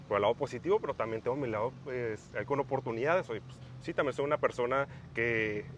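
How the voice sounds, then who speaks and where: A man's voice: medium pitch, quick pace, a little hiss or hum. A young man hosting a casual podcast, thinking aloud with frequent restarts and fillers. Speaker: podcast host.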